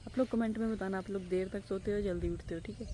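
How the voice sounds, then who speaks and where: A woman's voice: mid-range voice, fairly even intonation, fast talker, background noise. A young woman vlogging in a casual chat, talking directly to her viewers. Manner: chatty, addresses viewers directly.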